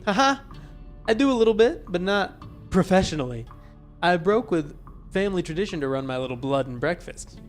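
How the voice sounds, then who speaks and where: A man's voice: sits high, expressive, a little fast, soft background music. A man voicing a creepy, overly polite male innkeeper who claims a lisp and stresses words oddly. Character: creepy grinning male innkeeper, suspiciously cheerful.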